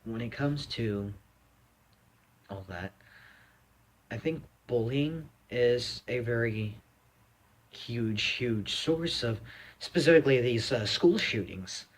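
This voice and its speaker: A man's voice: medium pitch, animated, slow pace, long pauses, husky. A young man from the United States giving a rambling, blunt opinion monologue, full of fillers and restarts. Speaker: vlogger.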